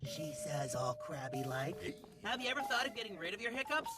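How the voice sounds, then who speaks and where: A woman's voice: lowish voice, big pitch swings, brisk. A woman voicing a cheerful, easygoing teenage boy who teases his friend in an upbeat way. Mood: teasing. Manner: upbeat, teasing. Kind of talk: cartoon voice acting. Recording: cartoon audio over loud music.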